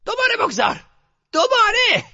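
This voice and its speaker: A man voicing a frantic, excitable old grandmother who speaks in a rustic way and barks orders while she gambles at roulette. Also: in a large hall, full character voice. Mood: excited, bossy. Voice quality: shrill, rustic speech. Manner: urgent, bossy, excitable. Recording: dull, muffled studio recording.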